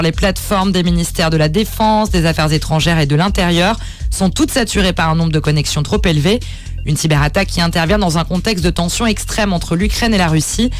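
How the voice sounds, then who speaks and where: A man reading a radio news bulletin in a steady, formal manner. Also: high-pitched. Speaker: newsreader.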